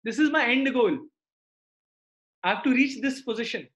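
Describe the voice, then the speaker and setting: Teaching a live, interactive maths class online, this middle-aged man with a South Indian accent checks understanding through tag questions. He sounds animated and a bit bright, with a very high voice and moderate pace.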